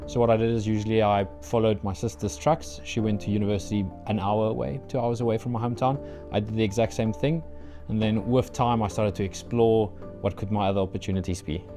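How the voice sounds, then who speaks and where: Music runs in the background as a young Afrikaans-speaking PhD candidate from South Africa, with a South African accent, fields interview questions about his studies. His lowish voice keeps a steady tone, and he comes across as earnest and measured, with many fillers.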